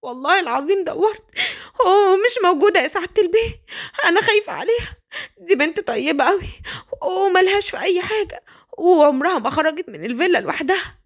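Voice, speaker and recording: A woman's voice: very high-pitched, expressive, fast, voice pushed up. A woman voicing an anxious older housekeeper, pleading frantically in an Egyptian voice. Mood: frantic. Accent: Egyptian Arabic.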